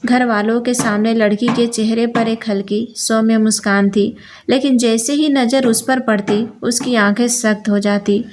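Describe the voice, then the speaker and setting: A woman reads a romantic story aloud in a steady, even scripted manner. Her voice sits a little high. A faint hiss and some clicks run underneath. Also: normal speed. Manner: steady, even reading that voices both characters.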